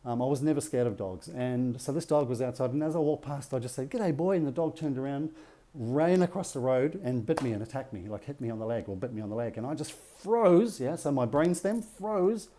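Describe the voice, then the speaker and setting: Dark-voiced man teaching a group. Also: mid-range voice. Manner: checks in with the audience with rhetorical questions and "yeah?". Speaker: relationship workshop speaker.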